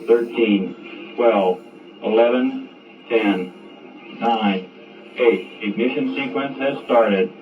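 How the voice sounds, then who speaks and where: A man calmly calling a launch countdown and liftoff, heard as a muffled radio transmission. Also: fairly low pitch. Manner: calm, measured countdown delivery. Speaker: launch control announcer. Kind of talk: archival launch countdown commentary. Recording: muffled distant archival radio broadcast with loud music.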